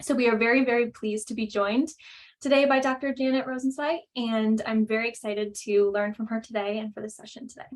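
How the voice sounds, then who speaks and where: A woman's voice: fairly high pitch, flat delivery, a little fast. A woman hosting a webinar over a video call, reading out a speaker introduction in a friendly way with frequent "um" fillers. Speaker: webinar host and coordinator.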